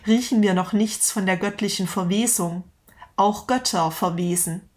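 A woman's voice: medium pitch, moderate pace, lightly acted. A woman voicing a frantic prophetic madman, declaiming a long chain of passionate questions. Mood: impassioned. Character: frantic grown man, a prophetic madman with lantern.

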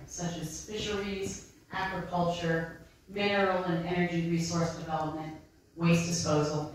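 A woman with a voice on the low side, in her thirties and working as a maritime archaeologist, talks warmly and directly to listeners during a slide lecture at a library. She uses a handheld microphone, but the recording is very reverberant and distant, with slight background noise.

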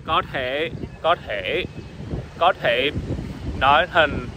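Young man, foreign accent, native English speaker, broken Vietnamese, very slow halting speech, repeats words, casual walking vlog, windy noisy outdoor phone recording. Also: a little high, dull audio. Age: 20s. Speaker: vlogger. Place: outdoors on a street between apartment buildings. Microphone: phone at arm's length.

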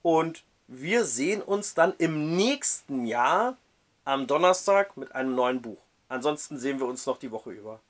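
A man reading a dark historical novel aloud in a measured storytelling way, then reviewing it as a book reviewer. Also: mid-range voice, animated.

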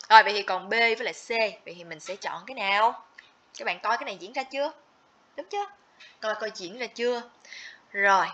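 Woman, livestream teacher, checks in with students, sharp tone, muffled recording. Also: medium pitch. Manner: explains step by step, checks in with students often. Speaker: TOEIC teacher. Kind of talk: livestream grammar lesson. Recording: slightly dull lo-fi audio.

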